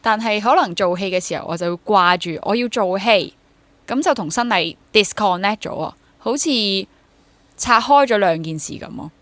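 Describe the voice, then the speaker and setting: With lively intonation and a fairly bright, mid-range voice, a young Hong Kong woman chats at a normal pace as an interview guest. She's a theatre actor and drama teacher who mixes English into her Cantonese-accented speech, recorded with no room sound.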